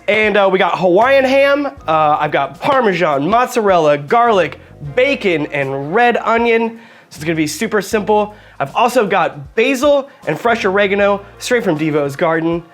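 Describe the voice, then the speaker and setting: A man with a high-pitched voice hosts a casual cooking demonstration, talking straight to the viewer in a chatty, jokey way. Faint music plays quietly behind him. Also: sing-song, moderate pace. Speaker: cooking show host.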